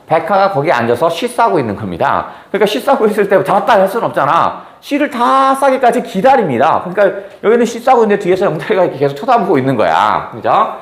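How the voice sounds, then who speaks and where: A man's voice: high-pitched, fast talker, few pauses, echoey room. A man teaching a literature lesson and acting out the scenes as he goes. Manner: animated, acts out scenes. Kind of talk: literature lecture.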